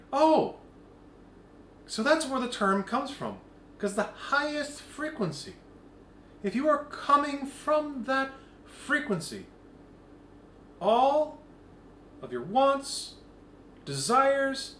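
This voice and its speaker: A man with a high, lively voice leads a casual spiritual talk, swinging up and down as he acts out quick quoted voices. He is recorded in an echoey room with a faint hum behind him. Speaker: spiritual group leader. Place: meeting room.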